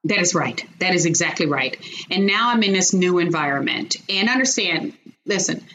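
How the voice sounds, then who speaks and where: A middle-aged woman from Chicago, a guest telling her personal story in an earnest, animated way, with frequent restarts. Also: on the low side, normal speed, a little hiss or hum.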